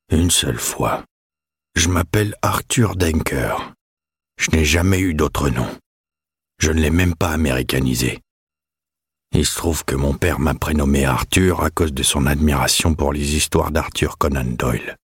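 A cold, menacing old man from an audiobook, voiced by the male narrator, with a very deep, husky voice. He speaks in slow, measured threats. The recording is dry and close. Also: no echo, heavily acted. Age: older. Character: bitter old former officer, menacing and guarded.

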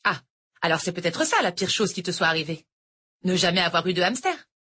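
A woman voicing a moody, bitter female math tutor in an audiobook, talking with a sharp, mock-cheerful edge. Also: fairly low pitch, big pitch swings, a little fast, heavily acted. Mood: brooding.

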